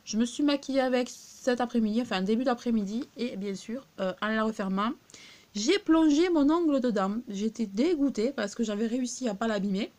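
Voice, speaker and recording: A woman's voice: fairly high pitch, a little fast, darkish tone. A woman with a southern French accent chatting casually to viewers as she shows off her cheap finds, with many fillers. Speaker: vlogger showing a discount-store haul. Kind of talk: casual chatty haul video.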